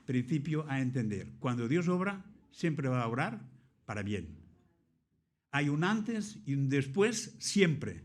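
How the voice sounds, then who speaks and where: A man from Catalonia preaching a sermon in Spanish with a Catalan accent, reading scripture aloud and then explaining it with rhetorical questions and dramatic pauses. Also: medium pitch, big pitch swings. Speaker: pastor.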